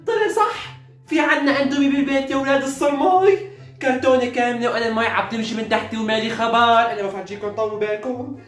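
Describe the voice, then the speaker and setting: A man voicing a bossy, scolding middle-aged mother in a comedy sketch, ranting fast at her kids. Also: very high-pitched, a bit bright. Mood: triumphant, scolding. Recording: roomy echo, faint background music.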